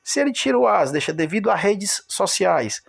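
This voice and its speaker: A man's voice: high-pitched, big pitch swings, moderate pace, vocal fry, husky. A man teaching a recorded video lesson, explaining step by step, repeating key words and addressing his students directly.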